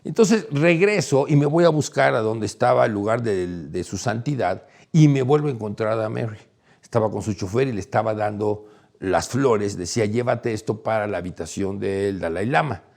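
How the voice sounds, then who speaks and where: A man telling a personal story in a lively way, his voice climbing high and loud at the exciting parts. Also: moderate pace, creaky. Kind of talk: animated storytelling.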